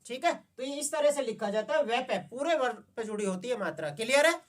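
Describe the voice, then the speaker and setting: A woman's voice: on the high side, expressive, brisk. Patient woman teacher, distant mic. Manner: patient, repeatedly checks if students understood. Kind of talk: classroom lesson.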